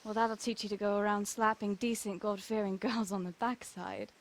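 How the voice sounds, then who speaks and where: A woman's voice: mid-range voice, steady tone, moderate pace, lightly acted. An actress playing a spirited, teasing young village woman in a medieval video game. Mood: teasing, tender.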